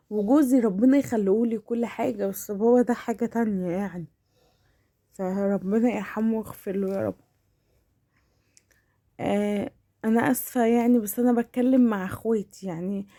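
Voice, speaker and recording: Woman, Egyptian Arabic accent, mellow dark timbre, medium pitch, casual household vlog narration, hesitant, familiar address. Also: brisk. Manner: hesitant, repeating and restarting words. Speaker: home vlogger. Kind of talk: casual chatty voice-over of household routine.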